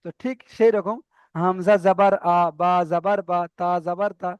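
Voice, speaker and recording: A man's voice: high-pitched, fairly even intonation, moderate pace, clear, resonant tone, dry recording. A man teaching Arabic letter reading in an online class, patiently repeating each point and checking that students follow.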